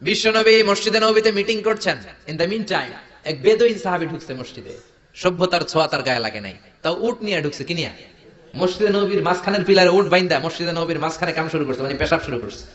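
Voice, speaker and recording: A man with a Bangladeshi Bengali accent preaching a sermon, jokey and animated, firing rhetorical questions at the crowd. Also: high-pitched, fast. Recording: echoey hall, dull lo-fi sound.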